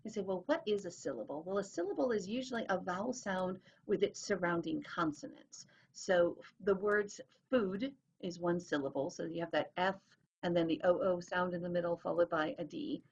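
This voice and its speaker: A woman's voice: on the low side, a little fast, breathy edge. A woman teacher explaining things in a recorded lesson, sounding out rhythms as she goes. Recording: dull lo-fi recording.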